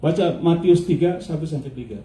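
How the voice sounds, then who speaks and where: A man's voice: a little high, lively intonation, a little fast, warm tone, reverberant. A male pastor preaching a sermon, questioning his congregation, laughing often and dropping English words into his speech. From United States.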